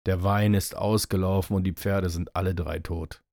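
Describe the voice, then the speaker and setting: A man's voice: deep voice, steady tone, moderate pace, vocal fry, darkish tone, dry recording, studio quality. A man voicing a grumbling, unlucky carter who moans and complains, in a fairy tale reading. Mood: wailing. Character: grumbling unlucky male carter, middle-aged.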